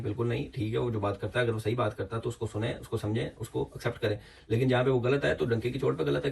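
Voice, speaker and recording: A man's voice: fairly low pitch, darkish tone. A man giving heated reaction commentary, indignant and repetitive, with many fillers. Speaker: YouTube commentator.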